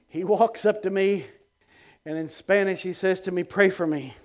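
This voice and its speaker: A middle-aged man, a guest evangelist, telling an animated testimony on a TV show, dropping to hushed tones and bursting out loud with chuckles. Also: a little slow. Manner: swings between hushed low tones and loud excited outbursts, chuckling.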